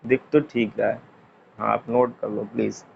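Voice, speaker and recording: A male teacher gives a relaxed classroom lesson, repeating each word slowly and chatting between the words. His voice sits at an ordinary middle pitch. The recording is dull and lo-fi, with a faint hiss behind him. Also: gravelly. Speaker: English teacher. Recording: dull lo-fi sound, faint noise.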